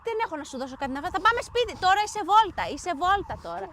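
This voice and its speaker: A woman's voice: very high-pitched, expressive, a bit bright, slight background noise. A woman playing a flustered owner who scolds her dog on a walk. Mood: scolding. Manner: scolding, bossy.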